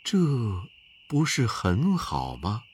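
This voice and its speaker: A storyteller voicing a gentle, fretful pilgrim monk who speaks softly and politely. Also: medium pitch, huge pitch swings, takes it slowly, breathy edge, full character voice. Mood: puzzled. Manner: soft, pleading, polite. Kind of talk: children's storybook narration.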